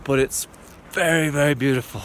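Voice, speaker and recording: A man's voice: a little high, a little fast, a little hiss or hum. A man narrating his mountain trek vlog in a casual, rambling, self-deprecating way, recorded outdoors on a handheld camera. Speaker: trekking vlogger.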